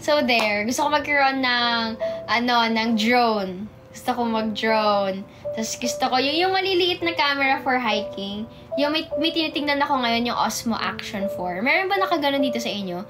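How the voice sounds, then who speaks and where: A young woman with a high, girlish voice and a Filipino accent chats to her fans on a phone livestream. She is bubbly and eager, stumbling slightly over words because of a sore mouth. Music plays clearly behind her. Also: normal speed. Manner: bubbly, greets viewers by name with excited squeals. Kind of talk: casual livestream chat, reading comments. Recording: music playing in the background.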